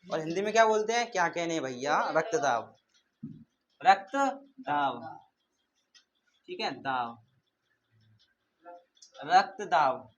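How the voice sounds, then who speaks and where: A man's voice: fairly high pitch, lively intonation, fast talker, a bit bright, slight background noise. A male teacher giving a classroom lecture. He asks questions and answers them himself, and repeats key terms in a call-and-response drill.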